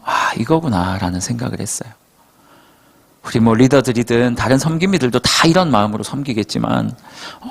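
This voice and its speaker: Male pastor, sermon to young adults, animated storytelling, fairly high voice, slightly husky. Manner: animated storytelling, acts out quotes.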